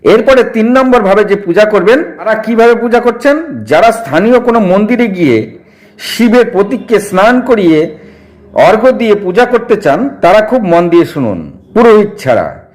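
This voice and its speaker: A man giving step-by-step instructions for a home ritual, reciting mantras slowly and deliberately. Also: sits high, very animated, a little mellow. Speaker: religious instructor.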